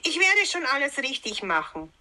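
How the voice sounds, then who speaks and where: A woman's voice: sits high, big pitch swings, normal speed, pushed and bright, pitched above the performer's own voice, exaggerated voice. A woman voicing a trusting, carefree little girl in a fairy tale, speaking innocently.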